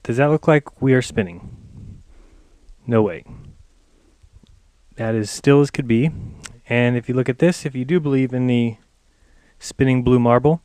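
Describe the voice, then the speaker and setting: A man's voice: medium pitch, a little slow, long pauses, a little mellow, dry recording. A man hosting his own channel, talking loosely and chattily to viewers with lots of "uh" fillers. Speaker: channel host. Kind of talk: casual talk to camera.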